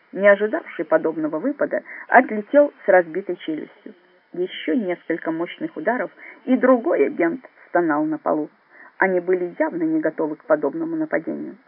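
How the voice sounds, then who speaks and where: A man reading a spy novel aloud as scripted narration, in an expressive, lively storytelling manner. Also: high voice, no room sound. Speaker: audiobook reader. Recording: dry, phone-like narrow sound.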